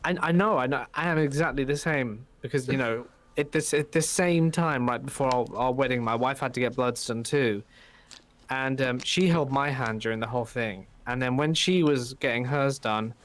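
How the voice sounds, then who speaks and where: A man's voice: medium pitch, normal speed. A man hosting a casual chat, talking in a nervous, rambling way and often repeating himself. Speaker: podcast host.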